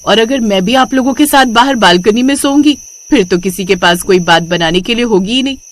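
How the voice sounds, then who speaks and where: A woman's voice: a little high, brisk, lightly acted. A woman voicing a sensible young wife in a cartoon, earnestly persuading her family. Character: sensible young wife Radhika, calm and firm.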